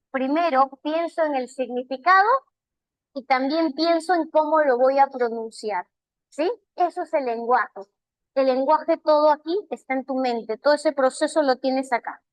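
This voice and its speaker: A woman's voice: sits high, no echo, poor audio. A Peruvian woman, a language teacher giving an online class, explaining step by step and checking in with her students. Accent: Peruvian Spanish. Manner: patient, explains step by step with frequent check-ins.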